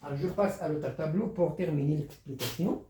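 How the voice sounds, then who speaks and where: A teacher explaining a French spelling lesson, slow, repetitive and patient. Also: medium pitch, mellow, a little hiss or hum. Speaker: primary school teacher. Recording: roomy, distant from the mic.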